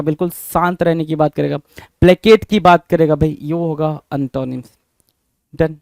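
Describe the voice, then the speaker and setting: High-voiced animated male vocabulary teacher. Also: gravelly, clean tone, dry recording, clean studio sound. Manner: animated, repeats words with quiz-like questions. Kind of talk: Hinglish vocabulary lesson.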